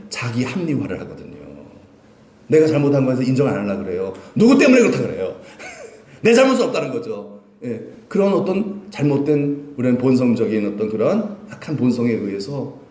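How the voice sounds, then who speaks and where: A male pastor preaching a sermon. He asks the congregation questions and answers them himself, swinging from loud emphasis to quiet, low lines. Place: church sanctuary. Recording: echoey church hall.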